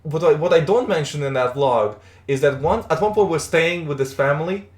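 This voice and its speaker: A young male streamer from Latvia, whose first language is Russian, chats casually on a live stream while gaming. His voice is on the high side and fairly quick, and he's rambling and chatty with many restarts, recorded with a roomy echo.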